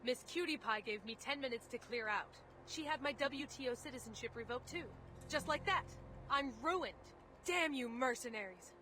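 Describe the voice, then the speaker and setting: Bitter fired manager, accusing tone, highish voice, clear outdoor noise. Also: female voice, animated, moderate pace, sharp tone, rough recording.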